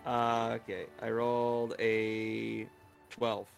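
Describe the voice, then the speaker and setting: A man playing a tabletop role-playing game, chatting casually with halting, hesitant speech. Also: medium pitch, completely flat delivery, gravelly, soft background music. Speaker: player.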